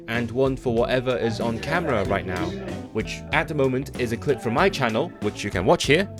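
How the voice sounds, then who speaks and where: Man narrating a vlog over guitar music. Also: mid-range voice. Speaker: vlogger. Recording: clear guitar music behind voice.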